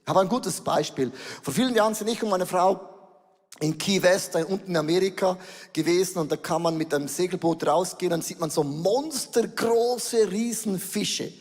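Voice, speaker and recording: A middle-aged man with a Swiss German accent preaching a sermon, switching between slow emphatic words and rapid bursts. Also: high voice, in a large hall. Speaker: pastor. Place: large church hall.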